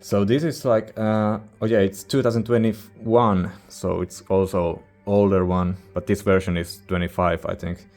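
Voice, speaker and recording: Soft music plays behind this channel host, who reviews music in a low, steady voice that is a bit slow, a bit mellow, and has few pauses. English is not his first language, so his informal, meandering talk is hesitant while he searches for the right words.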